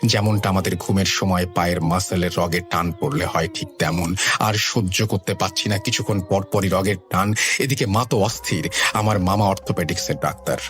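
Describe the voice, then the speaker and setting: A man reading a horror story aloud in a measured, somber first-person narration. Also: sits low, fairly bright tone, faint music behind.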